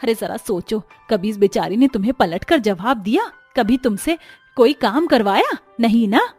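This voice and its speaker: A woman's voice: fairly high pitch, big pitch swings, normal speed, a little mellow, breathy edge, soft background music. A woman voicing a stern older mother-in-law who scolds and curses her daughter-in-law. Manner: scolding, cursing outbursts. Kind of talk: dubbed cartoon story voice.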